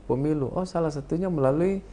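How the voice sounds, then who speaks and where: A man's voice: on the high side, fast, dark tone, slight background noise. A man with a South Sulawesi Indonesian accent, a party campaign official on a talk show, speaking earnestly and listing his points one by one. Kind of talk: political talk show discussion.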